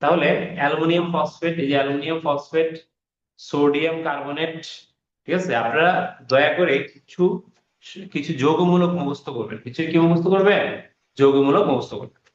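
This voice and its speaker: A man's voice: a little high, steady tone, a little fast, slight background noise. A male teacher giving an online class lesson, who repeats key words and quizzes his students as he goes. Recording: roomy, dull online class audio.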